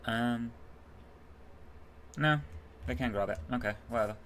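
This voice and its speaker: Relaxed British man streaming a game. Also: mid-range voice, a little slow, slight background noise. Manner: chatty, reads and answers chat while playing. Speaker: gaming streamer. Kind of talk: casual live-stream commentary.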